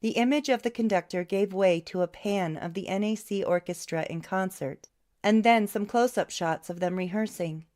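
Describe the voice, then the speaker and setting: A woman reading a novel aloud as an audiobook narrator, in a steady, even storytelling way. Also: medium pitch, normal speed. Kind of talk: scripted narration.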